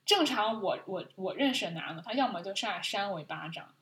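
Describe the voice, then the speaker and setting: A woman's voice: medium pitch, brisk. A woman co-hosting a podcast, retelling a film scene in casual chat, with lots of laughter and restarts. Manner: animated storytelling, frequent laughter, many restarts. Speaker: podcast co-host.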